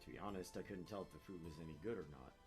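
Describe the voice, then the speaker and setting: Low-pitched and rapid-fire, a man hosts a gaming channel where he swears casually, makes jokes, and reads visual novel dialogue aloud. His home room isn't soundproofed, and the shared open microphone captures room noise along with music behind him.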